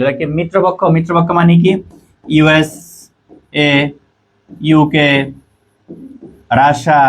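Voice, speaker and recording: A man from Bangladesh runs a quiz lesson for test takers, asking each question over and over and reading the options aloud. His voice sits a little high for a man. He reads students' answers back to them one by one. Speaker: admission test tutor.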